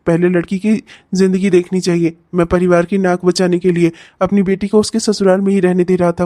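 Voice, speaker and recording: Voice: mid-range voice, no echo, studio quality, lightly acted. कलाकार द्वारा हँसमुख बूढ़ा गाँव का काका. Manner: warm, chuckling, repeats praise. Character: chatty elderly village uncle, proud father. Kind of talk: cartoon voice acting.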